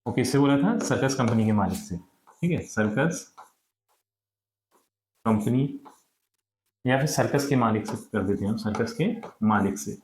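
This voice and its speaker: A man's voice: mid-range voice, animated, unhurried, long pauses, a little mellow. Man, teacher, patient, explaining a lesson to kids, asks and answers his own questions, roomy echo. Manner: patient, checks with repeated "ठीक है" and questions. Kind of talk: explaining a textbook lesson to children.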